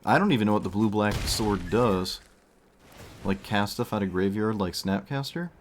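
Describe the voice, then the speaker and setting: Deep-voiced man, mid-game commentary. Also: moderate pace, a little hiss or hum. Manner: thinking aloud, trailing off with "so". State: losing his voice. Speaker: streamer playing a card game. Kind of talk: casual gameplay commentary.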